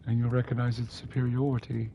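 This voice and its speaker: A man's voice: mid-range voice, monotone, fast, creaky, dark tone, a little hiss or hum. A man giving casual, muttering commentary while playing a game, with wry asides. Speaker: game streamer.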